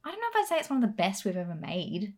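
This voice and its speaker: A woman with an Australian accent, co-hosting a casual podcast chat, wry and quick with laughs and asides. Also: mid-range voice, wildly swooping pitch, a little mellow. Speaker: podcast co-host.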